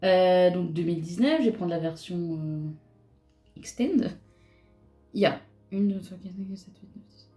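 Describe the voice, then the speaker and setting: A young beauty vlogger chats casually and laughs while doing her makeup, with plenty of fillers and restarts. Her voice is fairly low and mellow, at normal speed with frequent pauses, and faint music plays in the background.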